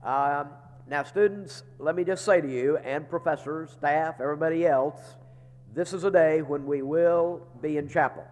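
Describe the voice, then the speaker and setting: This middle-aged seminary leader has a fairly high voice with a darkish tone, speaking at normal speed while congested from a sinus infection, as if inside a barrel. His chapel announcements are folksy and joking, full of "uh" fillers. The large chapel hall gives a long reverb.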